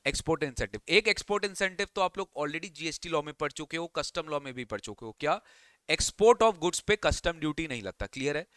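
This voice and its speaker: A man's voice: on the high side, animated, fairly quick, fairly bright tone, dry recording. A man teaching an exam coaching lecture, often quizzing his students and mixing English reading with Hindi explanation. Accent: Indian English. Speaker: tax lecturer.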